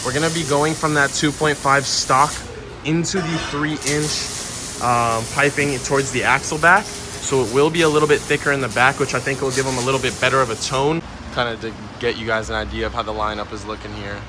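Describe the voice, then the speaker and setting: A young man vlogging at an outdoor muffler shop, casual and slangy, quick to get loud and excited. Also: medium pitch. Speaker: car vlogger. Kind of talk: casual vlog narration. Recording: outdoor video with loud engine noise. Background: loud car engines and exhausts.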